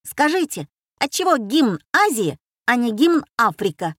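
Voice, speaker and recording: A woman's voice: medium pitch, expressive, dry recording, studio quality, voice pushed up, lightly acted. A woman voicing a cheeky schoolboy who pesters the family with pun questions. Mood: pestering. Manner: insistent, rapid-fire questioning.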